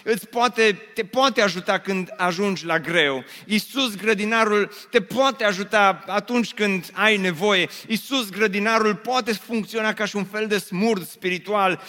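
Bright-voiced preacher in a reverberant church. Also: male voice, sits high. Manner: repetitive preaching refrains, rhetorical questions to the congregation. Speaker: pastor. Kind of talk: sermon.

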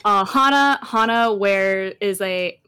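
Woman on a glitchy video call, audio dropping in and out, volume all over, bright voice, kinda hesitant. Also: mid-range voice, slow, slight background noise. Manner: hesitant, trailing off with fillers. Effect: audio cutting out, uneven volume. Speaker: tabletop game player. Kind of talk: casual chat introducing a character.

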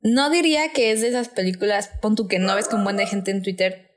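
A woman's voice: mid-range voice, brisk. Young woman, podcast co-host, easygoing casual chat, stretches her phrases, playful scene quotes.

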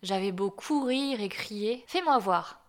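A woman's voice: medium pitch, expressive, takes it slowly. A woman voicing an old female duck who gives blunt, matter-of-fact advice, in a storybook reading. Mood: advising. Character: old know-it-all female duck visitor.

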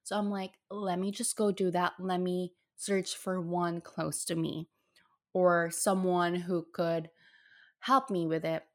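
A young woman speaks casually and earnestly, sharing her own experience with a slightly low voice. She talks in bursts, with fillers and restarts, and emotion shows through. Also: steady tone, measured pace, few pauses. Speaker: storyteller sharing a health journey. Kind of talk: casual personal storytelling.

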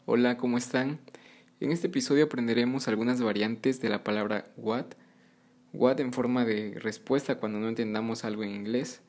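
A man hosting a podcast language lesson, patiently repeating English phrases slowly for beginners. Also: mid-range voice, fairly even intonation, a little mellow. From Mexico. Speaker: podcast host and English teacher.

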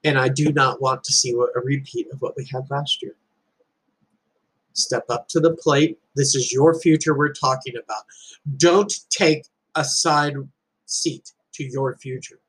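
A middle-aged man addresses a group in an earnest, emphatic talk, telling a personal story as a parent and repeating key lines for weight. His voice is medium-pitched, fairly even in intonation, a little slow, fairly bright and husky, on a rough recording.

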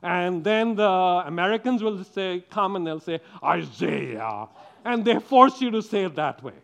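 A man's voice: high voice, normal speed, a bit bright, clear, resonant tone. A man giving a playful children's sermon as pastor, coaxing the kids and the congregation with questions.

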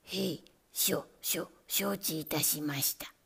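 A nervous, pompous little rat stammers through his lessons, low, slow and whispery, as a woman reader puts him on. He clears his throat to seem important. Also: sing-song, darkish tone, heavily acted. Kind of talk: storybook reading.

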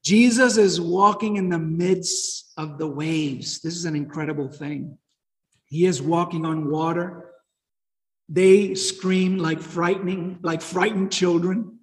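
Guy teaching bible study, high voice, chatty, asks the listeners stuff, echoey hall. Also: takes it slowly. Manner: conversational, asks listeners questions, animated retelling.

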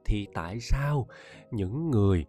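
A man's voice: fairly low pitch, expressive, unhurried, dark tone, faint music behind. A man with a Southern Vietnamese accent, an audiobook narrator talking casually to his listeners, often laughing and addressing them directly. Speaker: audiobook narrator and podcast host.

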